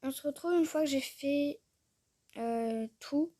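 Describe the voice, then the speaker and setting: Her voice high and warm, a woman YouTuber speaks slowly as she casually chats through a screen-recorded tutorial. She rambles, talks to herself and often drops to a murmur, with no room sound.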